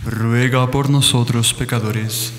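A man with an Ecuadorian accent giving slow, even responses to a recited rosary in a chapel. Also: medium pitch. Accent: Ecuadorian Spanish. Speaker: prayer respondent. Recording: roomy, echoey chapel, long reverb.

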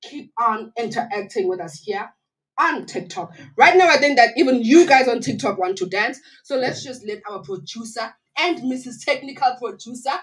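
A woman's voice: a little high, lively intonation, moderate pace, low-quality recording. Wheezy South African woman radio host. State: wheezy from asthma. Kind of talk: chatty live community radio hosting. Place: small radio studio. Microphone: studio microphone on a desk stand.

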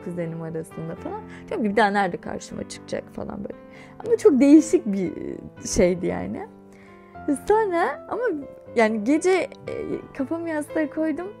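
A young woman's slightly high voice moves a little fast as she vlogs over soft background music. This YouTuber, a young adult, is animated and talkative, breaking into laughter while she tells a personal tale.

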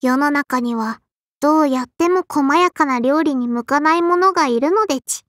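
This anime game character voice comes from a woman speaking high and a bit bright at normal speed, captured cleanly in a studio with no echo. The role is a small, strict sparrow-spirit girl: prim and critical, with a childlike lisp, a quirky verbal tic, and speech that is courteous but reproachful.

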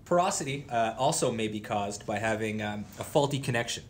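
A man in a workshop explaining welding problems in a relaxed way, with small fillers. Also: fairly low pitch, fairly quick, a little hiss or hum. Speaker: welding instructor. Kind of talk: instructional demonstration.

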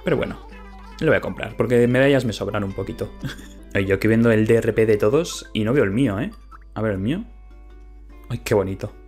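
Excitable young Spanish gamer man. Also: fairly low pitch, fairly quick, pauses often, faint music behind. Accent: Spain Spanish. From Valencian Community, Spain. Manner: excitable, laughs often, chatty. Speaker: gaming YouTuber. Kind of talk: casual let's-play commentary.

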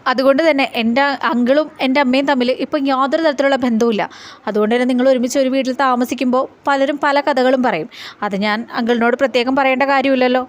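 A woman's voice: sits high, steady tone, fast, natural voice. A woman voicing a blunt teenage girl telling an older man he should leave the house. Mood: pointed. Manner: blunt, lecturing.

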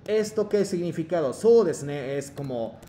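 A man teaching an online class, with halting phrasing and many fillers. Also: on the high side, expressive, mellow, slight background noise. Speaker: Japanese teacher.

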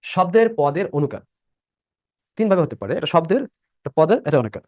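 Fast, lively man teaching a class. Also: on the high side, no echo, clean studio sound. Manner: repeats points and quizzes students by asking questions. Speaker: admission-prep teacher. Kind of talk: live online class lesson.

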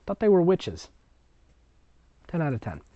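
With huge pitch swings in a mid-range voice and a slightly slow pace, an exasperated, sarcastic narrator reads amateur fiction and pauses to make fun of it in ad-libbed asides. The recording is dry, close, dull and lo-fi.

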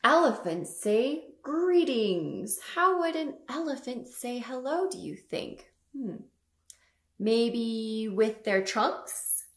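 A woman's voice: on the high side, expressive, takes it slowly. A young woman reading picture books to toddlers as a storytime host, asking simple questions with exaggerated emphasis. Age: young adult. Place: small room at home, indoors. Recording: roomy home webcam sound.

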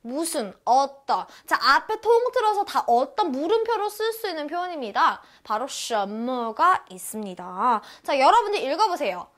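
A woman's voice: high voice, sing-song, moderate pace, hardly any pauses, fairly bright tone. A young woman teaching a Chinese lesson in a bubbly, playful way, acting out short dialogue snippets. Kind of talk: lively online language lesson.

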